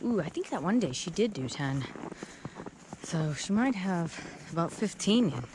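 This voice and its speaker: A woman's voice: lowish voice, expressive, normal speed. A woman chatting casually and in a rambling way as she hikes, with the slight effort of trudging through snow outdoors. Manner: rambling, talks to her dog and viewers. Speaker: solo hiker vlogger. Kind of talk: casual chat while hiking. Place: outdoors on a snowy trail. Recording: noisy windy outdoor trail recording.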